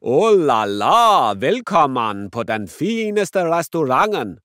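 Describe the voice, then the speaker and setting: A grand, slow-talking mock-Italian chef from a children's storybook, as a male narrator puts him on. He draws out every phrase with showy flourish and lively pitch. The sound is dry and close. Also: dry recording. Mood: pompous. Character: fake Italian chef waiter, a goofing dad.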